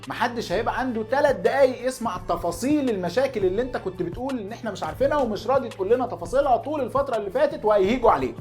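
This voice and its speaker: A man in his twenties with an Egyptian Arabic accent, talking naturally and unscripted to the camera as a football fan host, earnest and insistent with rhetorical questions. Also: sits high. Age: 20s.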